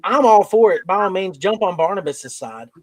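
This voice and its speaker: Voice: medium pitch, animated, normal speed, rough recording. A podcast host recapping wrestling shows in casual, rambling talk full of fillers.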